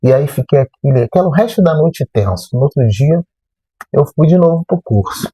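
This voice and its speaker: A man, a math teacher telling a personal story in a lively way and acting out remembered dialogue. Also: fairly high pitch, brisk, breathy edge, no echo, rough recording. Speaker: math teacher and channel host.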